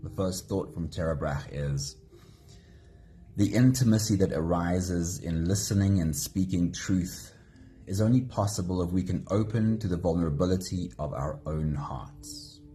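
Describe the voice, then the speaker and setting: A very deep-voiced man leads a live guided meditation at an unhurried pace. His tone is mellow and gentle. Soft music plays faintly behind him. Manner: slow, gentle, greets viewers by name. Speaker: meditation host.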